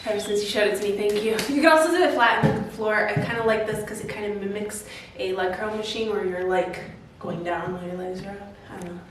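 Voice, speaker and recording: A woman's voice: mid-range voice, fast talker, few pauses, distant mic. A woman talking casually and informally to the camera and her partner as a home workout vlogger, giggly and free with swearing. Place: indoors at home, echoey room. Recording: very echoey room, off-mic, faint hiss.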